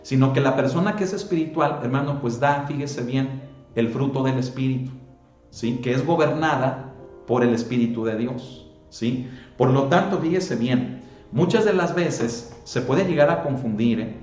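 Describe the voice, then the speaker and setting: A man's voice: medium pitch, normal speed, a little mellow. A man with a Mexican accent preaching a sermon as pastor, asking rhetorical questions and often addressing the listeners as "hermano". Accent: Mexican Spanish. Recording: roomy, dull lo-fi sound with faint music.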